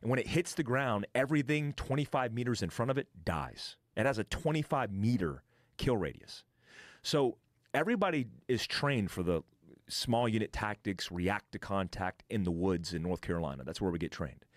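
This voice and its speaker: A man recounts combat as a podcast guest in a blunt, profane, casual way, stumbling into restarts and mimicking gunfire with his voice. His voice sits a little low. The sound is close and dry, with no room around it. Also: animated, moderate pace, no echo. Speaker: podcast guest, military veteran. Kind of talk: casual storytelling.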